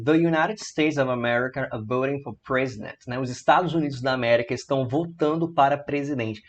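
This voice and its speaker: In an online English grammar class, a Brazilian Portuguese-accented man breaks down each rule step by step, reads examples slowly, and keeps checking in with "tá?" and "né?". He has a mid-range voice.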